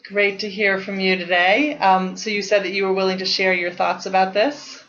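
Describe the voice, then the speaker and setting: On a dull, lo-fi online conference call, a woman coaching a participant in her health course speaks encouragingly and at length, filling her talk with fillers. Her pitch is medium, her tone level and fairly bright, and her pace moderate.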